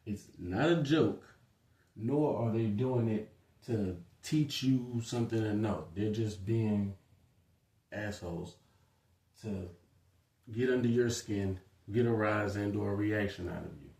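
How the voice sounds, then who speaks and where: A man's voice: on the low side, slow, a little mellow. A man giving a casual spoken lecture, talking loosely with many asides and fillers. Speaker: speaker giving a short lecture. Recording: roomy echo, distant from the mic.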